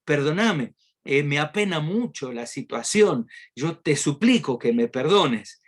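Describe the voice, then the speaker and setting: A man's voice: fairly high pitch, expressive, measured pace. A man voicing a huge, clumsy male elephant who keeps begging for forgiveness. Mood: pleading. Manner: pleading and apologetic.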